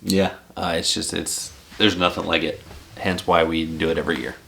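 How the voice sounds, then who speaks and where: A man in his thirties hosts a casual golf chat from his own home. His voice is very deep. His manner is relaxed, with a casual curse here and there. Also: normal speed, creaky, a little hiss or hum. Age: 30s. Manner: laid-back, swears casually. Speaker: podcast host.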